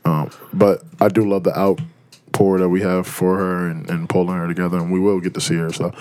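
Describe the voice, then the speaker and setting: A man, co-hosting a casual chat show, talking in halting bursts with many fillers and restarts. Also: low voice, level tone, darkish tone. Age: 30s. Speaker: podcast co-host.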